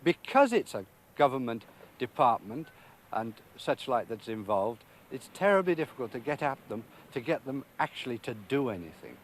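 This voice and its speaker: Male doctor, interview comment, medium pitch, slight ambient noise. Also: sing-song, normal speed. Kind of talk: interview answers.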